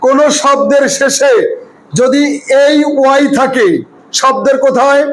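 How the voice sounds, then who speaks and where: Loud high-voiced man drilling a class. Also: flat delivery, a little slow, poor audio. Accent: Bangladeshi. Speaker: English pronunciation teacher. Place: classroom with students. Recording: loud crowd and noise in a classroom.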